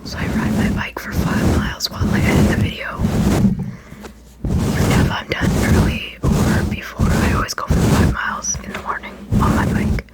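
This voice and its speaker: A person whispering quickly in an informal ASMR ramble close to the microphone, often repeating and rephrasing phrases. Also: low-quality recording. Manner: fast, unvoiced whispering. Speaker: video creator and host.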